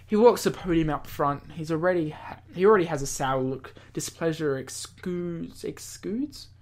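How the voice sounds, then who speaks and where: A male gaming YouTuber with a somewhat high voice reads a visual novel aloud at normal speed, dropping in casual commentary. The visual novel's game music plays behind him.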